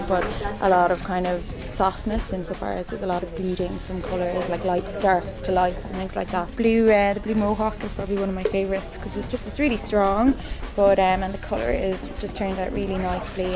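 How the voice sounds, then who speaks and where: A woman designer explains her work casually in an interview, in loose, meandering sentences. Her voice is medium in pitch, and music plays clearly behind her.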